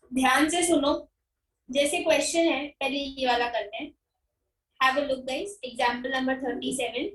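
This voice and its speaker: A woman teacher giving a finance lecture. She explains slowly, repeats key terms and keeps checking that everyone understands. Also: sits high, fairly bright tone, far from the mic. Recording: echoey room, speaker away from mic.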